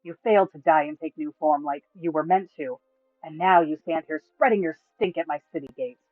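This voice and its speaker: A man voicing a stern, hostile male city guard who speaks slowly and forcefully with open contempt. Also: a little high, no echo, faint music behind, lightly acted. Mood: scornful. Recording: tinny, phone-like, dry.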